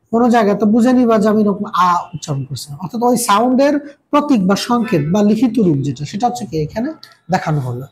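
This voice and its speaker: A man's voice: sits high, a little mellow, rough recording. A male teacher giving a classroom grammar lecture, asking questions and answering them himself in a repetitive call-and-response.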